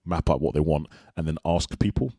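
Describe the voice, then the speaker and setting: A young man hosting a casual chat, asking quick, jokey, teasing questions. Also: a bass voice, warm tone, slightly rough, no room sound, clean studio sound. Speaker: host.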